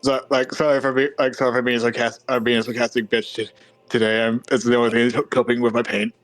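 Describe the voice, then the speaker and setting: A man playing a tabletop game in character, talking in a halting, sarcastic way with many restarts. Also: medium pitch, fairly even intonation, dry recording, faint music behind. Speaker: player.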